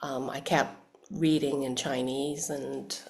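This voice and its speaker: Very deep and gravelly, this woman's voice is slow and flat. She's an actress from Hong Kong whose first language is Cantonese, chatting casually as an interview guest and thinking aloud with plenty of restarts and fillers.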